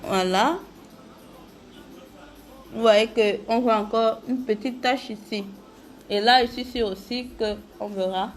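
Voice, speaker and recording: A woman's voice: a little high, slow pace, long pauses, slight background noise. A woman chatting casually with viewers during a live makeup tutorial, greeting them by name.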